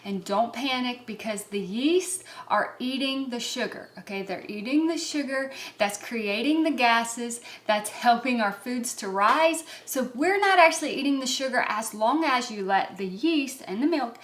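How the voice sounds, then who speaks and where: Upbeat woman showing a recipe in her home kitchen, chatty, kinda high voice. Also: expressive, a little slow, few pauses, fairly bright tone. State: slightly out of breath. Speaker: cooking channel host. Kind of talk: home cooking demonstration.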